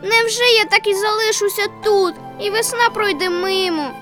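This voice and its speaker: A woman voicing a tiny, polite, timid snowdrop flower with a high, thin little voice. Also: normal speed, over music. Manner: polite, trembling.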